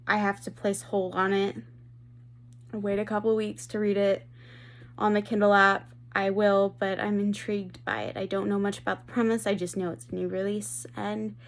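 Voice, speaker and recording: A woman book vlogger chatting casually and enthusiastically, often breaking off and restarting her sentences. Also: medium pitch. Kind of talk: casual vlog chat.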